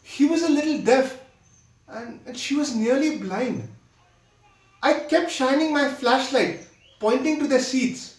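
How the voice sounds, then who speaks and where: A nervous young theater usher, played by a man stumbles through a confession on his first night, stammering and apologetic. The voice sits high and unhurried. It sounds roomy and picked up from well away from the mic. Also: far from the mic. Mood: flustered. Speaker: actor performing a monologue. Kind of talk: theatrical monologue.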